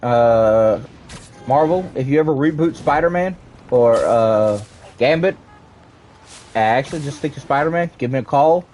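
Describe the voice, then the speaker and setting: A young man streaming, chatting casually and rambling excitedly to his viewers, prone to ranting. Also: mid-range voice, a little hiss or hum. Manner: rambling, excitable, quick to rant.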